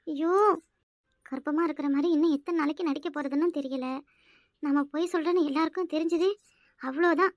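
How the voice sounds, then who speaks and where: A woman's voice: sits high, steady tone, a little fast, long pauses, darkish tone, no room sound, highs cut off, lightly acted. A woman doing a whiny scheming young wife. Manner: whiny, sobbing, self-pitying. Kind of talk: Tamil village cartoon voice acting.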